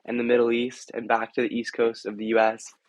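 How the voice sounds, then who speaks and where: A man's voice: mid-range voice, completely flat delivery, a little fast, no room sound, low-quality recording. A young man, a student, telling a personal story in an earnest, heartfelt way. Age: young adult. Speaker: student panelist.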